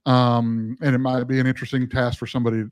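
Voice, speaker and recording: Man presenting a webinar, quick and full of ums and restarts, dry sound. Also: mid-range voice, little pitch movement, smooth, no room sound. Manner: fast talking, frequent fillers and restarts. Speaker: guest speaker.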